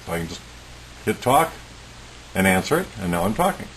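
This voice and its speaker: Low-voiced and very animated, a man talks fairly quickly while presenting something he built himself as an electronics hobbyist. The technical demonstration is informal, step-by-step, and matter-of-fact, with no frills. Expect a clearly noisy recording full of hiss.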